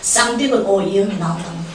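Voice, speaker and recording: A woman's voice: medium pitch, darkish tone, slight background noise. Older lady preacher w gyeongsang accent, funny chatty sermon, voice jumps all over, echoey far-off church mic. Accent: Gyeongsang Korean. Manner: humorous, chatty, asks the congregation questions. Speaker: prayer house director preaching. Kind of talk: lively storytelling sermon. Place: church sanctuary. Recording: echoey church hall, distant mic, poor quality.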